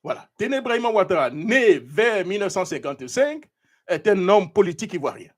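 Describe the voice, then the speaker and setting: A man's voice: sits high, fairly quick. A man hosting a live talk show, giving indignant political commentary while looking things up online. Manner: animated, indignant, searching online while talking. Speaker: show host.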